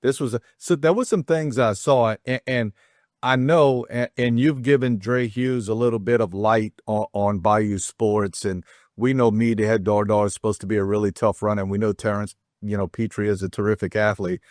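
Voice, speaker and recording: A middle-aged man talks high school football in a loose, rambling way, doubling back and joking at his own expense. His voice sits on the lower side. It is recorded dry and close, with no room sound. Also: fairly even intonation, moderate pace, a little mellow, no room sound. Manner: rambling, chatty, restarts with self-deprecating jokes. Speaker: sports show host. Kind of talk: casual sports talk.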